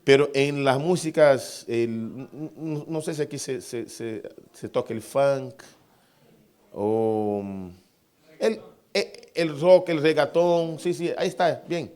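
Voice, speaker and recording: A man preaching a sermon on worship music, animated, imitating rhythms with spoken syllables and humming melodies, calling listeners brother. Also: fairly high pitch, takes it slowly. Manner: animated, mimics beats with syllables and hums tunes.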